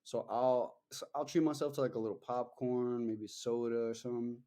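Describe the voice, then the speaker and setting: Mellow-voiced man in loose casual chat. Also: mid-range voice, steady tone, moderate pace. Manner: loose and rambling, full of fillers and swearing. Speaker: podcast host.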